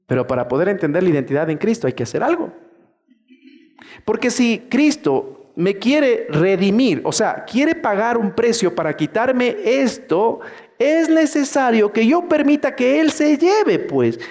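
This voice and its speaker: A man preaching a sermon to a church congregation, his voice sitting fairly high for a man. He acts out the churchgoers he talks about, now quiet, now rising. The sound rings on in a reverberant hall. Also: very animated, a little slow. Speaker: pastor.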